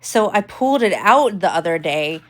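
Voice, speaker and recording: A woman's voice: lowish voice, lively intonation, moderate pace, fairly bright tone. A woman vlogger giving a casual tech demonstration, rambling with lots of fillers.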